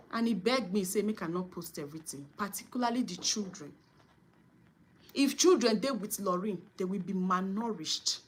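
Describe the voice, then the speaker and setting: A woman's voice: mid-range voice, slightly rough. A Nigerian woman vlogger giving indignant, scolding commentary, mixing English and Pidgin.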